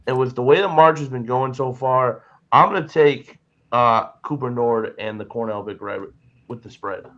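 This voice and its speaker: A man's voice: mid-range voice, moderate pace, fairly bright tone, highs cut off. A sleepy man in casual betting chat, reeling off team stats before he makes his pick. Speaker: co-host.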